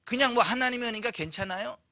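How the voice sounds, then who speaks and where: A man preaching a Sunday sermon, telling a story with lively acted-out voices and questions to the congregation. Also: very high-pitched, rapid-fire, no room sound, studio quality. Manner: animated storytelling, acts out quoted voices, asks the congregation questions. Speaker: pastor. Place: church sanctuary.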